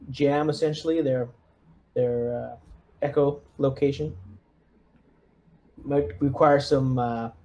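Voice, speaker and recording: A man with a warm, medium-pitched voice plays a military lieutenant in a tabletop roleplaying game. He talks casually, thinking aloud and hesitating as he works through ideas.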